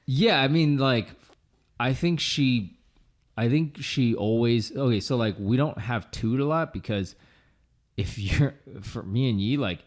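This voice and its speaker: A man's voice: mid-range voice, measured pace. A man in his late thirties, co-hosting a casual podcast chat and telling stories animatedly with lots of filler words. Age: 30s. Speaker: podcast co-host.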